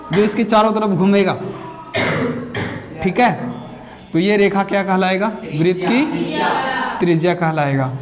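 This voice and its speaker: A man with a high voice gives a school math lesson. He keeps asking his class questions, answers them himself and repeats the key words. He uses homely examples and dictates notes for the students to copy. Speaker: math teacher. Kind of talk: classroom lecture, explaining with questions.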